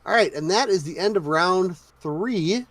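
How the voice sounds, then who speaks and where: A man acting as game master, narrating a tabletop game with relaxed, chatty rulings. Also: high-pitched, measured pace, dry recording.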